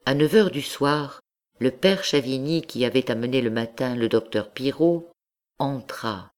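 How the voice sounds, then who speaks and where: Une femme lisant à voix haute un récit historique en livre audio, d'un ton calme et posé. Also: female voice, a bass voice, measured pace. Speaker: audiobook reader. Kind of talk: literary audiobook narration.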